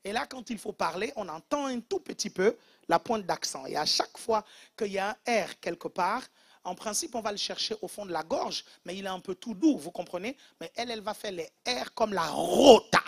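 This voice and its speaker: A man's voice: sits high, expressive, fairly quick, a bit bright, breathy edge. A man preaching a humorous sermon as pastor, teasing the congregation playfully and mimicking accents.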